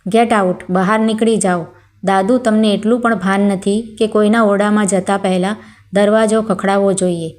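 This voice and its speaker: A woman voicing a rude, spoiled young girl who scolds loudly in a storybook tale. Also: medium pitch, fairly even intonation, normal speed, natural voice. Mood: angry. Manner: shouting, scolding.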